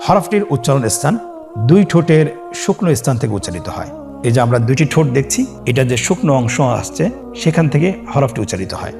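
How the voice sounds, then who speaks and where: A man's voice: medium pitch, sing-song, vocal fry, over music. A man teaching Quran reading step by step, stretching each letter name for listeners to repeat. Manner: drawn-out, sung letter names for listeners to repeat. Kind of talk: scripted lesson on Arabic letters.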